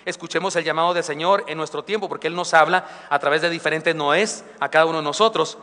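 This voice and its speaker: Pastor preaching in a reverberant hall. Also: male voice, a little high, quick pace, bright, forceful tone. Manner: conversational preaching, with asides and humor. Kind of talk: sermon. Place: church sanctuary. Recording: live church recording with long hall reverb.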